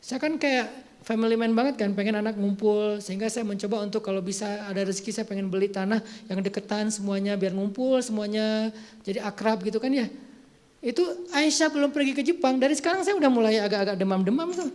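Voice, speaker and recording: A man's voice: high-pitched, quick pace, darkish tone. A man in his forties from Aceh, preaching in an informal, chatty storytelling way. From Aceh, Indonesia. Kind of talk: casual conversational sermon.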